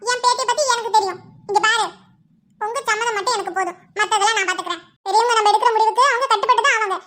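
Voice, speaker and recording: A woman's voice: very high voice, a bit bright. A woman voicing a stubborn, bossy elderly grandmother in a cartoon, insisting she knows best. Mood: insistent. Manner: insistent, quick, sure of herself. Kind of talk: cartoon voice acting.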